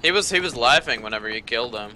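A man's voice: medium pitch, lively intonation, fast talker, sharp tone, a little hiss or hum. A man playing an online game with a friend, casually and practically talking through loot and items.

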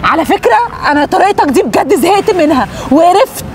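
A woman's voice: very high-pitched, lively intonation, fast, slight background noise. A young Egyptian woman, sounding like an indignant, reproachful wife, arguing with her husband on a city street. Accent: Egyptian Arabic. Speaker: wife in a staged street argument. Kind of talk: staged street argument.

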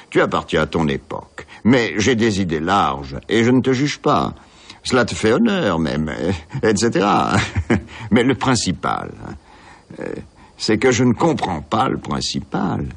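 A man's voice: lowish voice, wildly swooping pitch, gravelly, breathy edge, full character voice. A man reading aloud as a cynical young man who mocks his father, laughing and sneering. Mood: condescending. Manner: mocking, laughing, quick shifts of tone. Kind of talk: dramatic reading of a novel.

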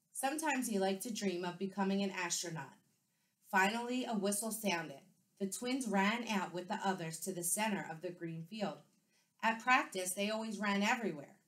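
A woman teacher reading a picture book aloud to her young class, clear and expressive. Her voice sits at an ordinary middle pitch, and she narrates the story at a steady, friendly storytelling pace. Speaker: second-grade teacher. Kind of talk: children's book read-aloud.

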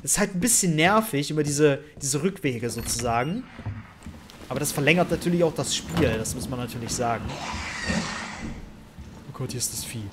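A woman with a German accent giving jokey, excitable commentary on a horror game, shrieking at scares and chatting to her viewers over a headset mic. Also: low voice, normal speed, pauses often, noisy background. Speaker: let's play host. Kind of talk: gaming commentary.

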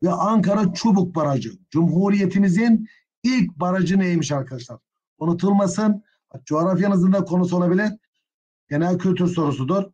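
Male history teacher, husky and fairly high, dull lo-fi class audio, indignant asides. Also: a little fast, dark tone. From Turkey. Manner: addresses students as friends, gets openly indignant. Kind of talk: exam prep history lecture.

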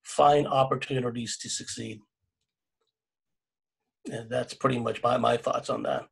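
Gravelly, husky middle-aged man exhorting. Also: medium pitch, steady tone, unhurried, a bit bright, poor audio. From California, USA. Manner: earnest and exhorting, many restarts, tag questions. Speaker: panelist. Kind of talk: panel discussion over video call. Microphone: webcam mic on video call.

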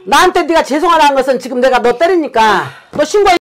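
A woman playing a shaman fortune-teller in a staged reenactment, scolding and cursing at a client in rough, blunt speech. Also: sits high, expressive, fast talker.

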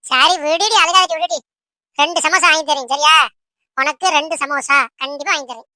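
A woman voicing a bossy, loud village woman who scolds and coaxes her friends in a comedy cartoon. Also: high voice, fairly even intonation, brisk, dry recording. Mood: coaxing, bossy. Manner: scolding, rustic village speech.

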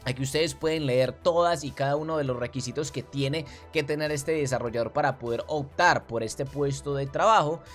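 A young man casually talking viewers through a website from his desk, animated and friendly, calling them family. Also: mid-range voice, moderate pace, hardly any pauses, faint music behind. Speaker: crypto YouTuber. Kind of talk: casual commentary over screen share. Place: small room at desk.

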